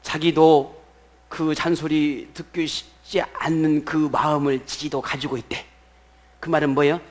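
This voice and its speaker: High-voiced man preaching with lively swings. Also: measured pace. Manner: animated, swinging between loud bursts and soft asides; asks the congregation rhetorical questions and answers himself. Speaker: pastor. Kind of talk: sermon. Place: church.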